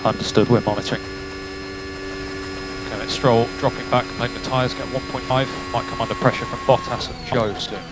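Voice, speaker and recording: A male race engineer speaks over race car radio in a mid-pitched voice. He gives clipped, matter-of-fact instructions and updates, often repeating key figures through the team radio link. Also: steady tone, fairly quick, heavy background noise. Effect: team radio transmission.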